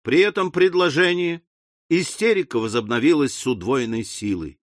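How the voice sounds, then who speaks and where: A man narrating an audiobook in a lively, expressive reading. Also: on the high side, moderate pace, dry recording, clean studio sound. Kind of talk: scripted narration.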